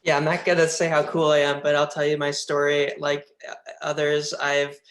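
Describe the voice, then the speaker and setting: Filmmaker guy on a video call, pretty flat monotone delivery, lots of uhs. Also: on the high side. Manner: halting, frequent uhs. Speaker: filmmaker, panelist. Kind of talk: panel discussion, personal intro.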